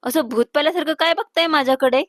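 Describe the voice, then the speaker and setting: A woman voicing a confident, teasing young husband in a storybook romance, dropping her voice lower and keeping it calm. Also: fast, no echo, clean studio sound.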